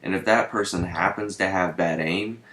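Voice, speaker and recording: Low-voiced young guy rambling about a game. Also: normal speed. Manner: rambling, hesitant, lots of ums and swearing. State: shivering from the cold. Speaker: gaming channel host. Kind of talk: casual gameplay commentary. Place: bedroom with a fan running. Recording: echoey room with loud noise.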